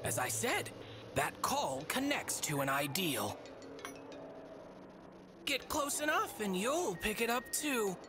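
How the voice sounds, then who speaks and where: Impish anime game rabbit creature, lilting swoops, slow theatrical delivery, teasing, smug, background music. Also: female voice, a little high, sing-song. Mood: sly, composed. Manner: theatrical, teasing, riddling rhymes. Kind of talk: anime video game voice acting.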